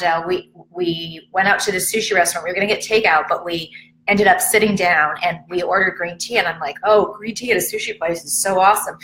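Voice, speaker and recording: A fitness vlogger from the Chicago area hosts a live stream from home, chatting casually and rambling while joking about herself and answering viewer comments. Her mid-range voice has a sharp tone. The rough recording is echoey indoors, with slight background noise.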